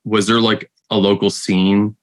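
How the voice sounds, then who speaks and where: Man, low voice, co-host, halting casual questions. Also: flat delivery. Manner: halting, self-correcting questions. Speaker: podcast co-host.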